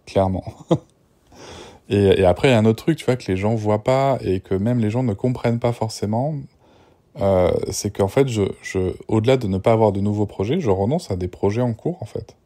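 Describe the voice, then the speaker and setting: A man's voice: lowish voice, normal speed, warm tone. A young man, worn out, rambling through a casual voice memo with many restarts. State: exhausted. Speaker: father recording voice diary.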